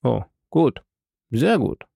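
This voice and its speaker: Frantic male prosecutor for an audiobook, read by a man: gravelly and urgent, dry close sound. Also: medium pitch, sing-song, slow, dark tone, no room sound, heavily acted. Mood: anxious. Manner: anxious, calling out urgently. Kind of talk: audiobook reading.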